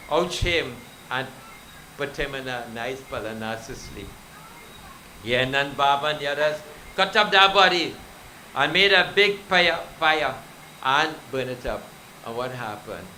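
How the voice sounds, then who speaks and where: A man's voice: mid-range voice, pushed and bright, slight background noise, rough recording. A male pundit preaching a devotional sermon, telling scripture stories and exhorting the devotees. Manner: exhorting, storytelling, addresses devotees.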